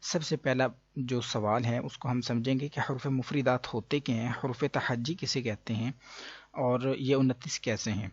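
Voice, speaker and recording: A man with a Pakistani Urdu accent teaching Quran reading, explaining patiently and drawing letters out slowly, with many hesitations. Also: medium pitch, steady tone, slightly rough, no room sound, muffled recording. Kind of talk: explanatory lesson.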